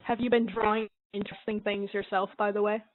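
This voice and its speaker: A woman's voice: mid-range voice, little pitch movement, brisk, no echo. A woman hosting a drawing livestream, chatting casually and laughing often as she works. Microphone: computer mic she adjusts. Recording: narrow phone-like sound.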